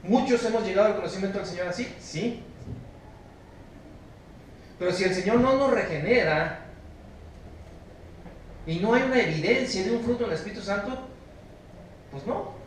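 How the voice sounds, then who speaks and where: A Mexican pastor delivers a sermon, rising to forceful calls and dropping to low, hushed emphasis as he puts questions to his listeners. His fairly high voice carries in a very echoey church. He is picked up from a distance, with a faint room hum behind him. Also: normal speed, long pauses. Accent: Mexican Spanish. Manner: emphatic preaching, swinging from loud exhortation to low, hushed stress; asks the congregation questions. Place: church sanctuary.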